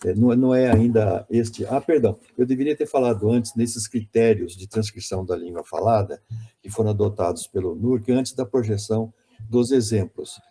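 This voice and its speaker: A man's voice: fairly low pitch, moderate pace, dark tone, breathy edge. A man giving an academic conference lecture on linguistics, hesitant and self-correcting, often repeating words.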